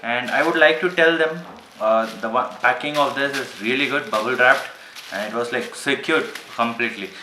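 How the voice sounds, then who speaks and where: A man with an Indian accent, a gadget-reviewing vlogger, talks to his viewers in a casual, informal unboxing, often repeating himself and calling them "guys." His mid-range voice is bright and forceful at a moderate pace. The room is echoey, with faint background noise.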